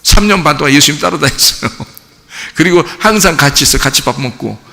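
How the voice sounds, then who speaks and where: Lively gravelly man preaching. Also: fairly high pitch, brisk, big-room sound. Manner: animated, acts out quotes with jokes. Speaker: pastor. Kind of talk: sermon.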